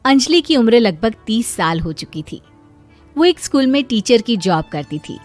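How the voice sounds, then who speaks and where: A woman's voice: on the high side, moderate pace, faint music behind. Woman narrating a cartoon story. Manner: plain storytelling, lively character lines.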